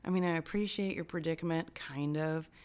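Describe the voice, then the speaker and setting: A woman's voice: low voice, brisk, darkish tone. A woman co-hosting a podcast, making wry, profane jokes in casual chat. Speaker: podcast co-host.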